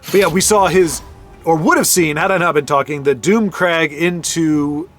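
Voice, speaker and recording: A man gives casual play-by-play commentary on card game matches, rambling into chatty asides and correcting himself as he goes. His voice is a little high, at normal speed, with faint music behind.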